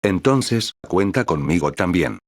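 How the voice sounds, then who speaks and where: A man voicing a calm, serious young male captain who speaks in a composed, measured way. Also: low-pitched, no echo, exaggerated voice.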